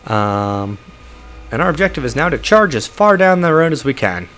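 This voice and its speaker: A man's voice: mid-range voice, sing-song, normal speed, fairly bright tone, slight background noise. A man streaming a game live, chatting casually with frequent chuckles and fillers. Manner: chuckles often, loose with fillers.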